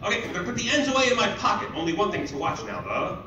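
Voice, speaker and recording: A man's voice: high voice, sing-song, very fast, bright, forceful tone. A man in his thirties doing playful, jokey kids party magician patter on stage, hyping up the children. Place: library auditorium stage, indoors. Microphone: distant audience camera. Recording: roomy, noisy hall recorded from far off.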